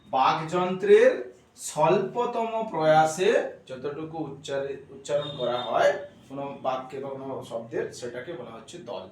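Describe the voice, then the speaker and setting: High-voiced male tutor in echoey room. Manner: repeats questions and checks understanding; drawn-out syllable-by-syllable words. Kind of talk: whiteboard grammar lesson. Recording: echoey room, far from mic.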